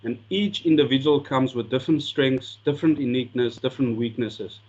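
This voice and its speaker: The sport coaching lecturer speaks a little fast in a medium-pitched, slightly mellow voice. A South African whose first language is Afrikaans, he earnestly walks through slides and tends to repeat words as he restarts sentences. The recording's highs are cut off.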